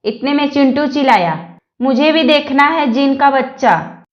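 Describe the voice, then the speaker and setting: A woman reads jokes aloud at an unhurried pace. Her voice sits high, and the room around her is echoey. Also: expressive, lo-fi sound. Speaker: joke reader. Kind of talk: reading Hindi jokes aloud.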